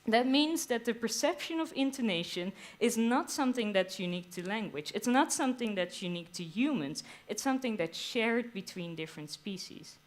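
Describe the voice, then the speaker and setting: Upbeat young woman giving a science talk. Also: fairly high pitch. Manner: enthusiastic, with playful quoted asides. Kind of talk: lively explanatory stage talk. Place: live stage at a theater venue.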